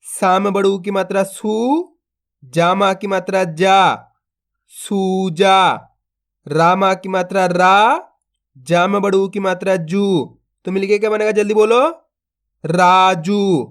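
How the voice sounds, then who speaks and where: A man's voice: high voice, flat delivery, a little slow, a bit bright. A man teaching a phonics lesson, sounding out each syllable and then stretching the blended word, speaking patiently to viewers he calls friends. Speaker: Hindi reading teacher.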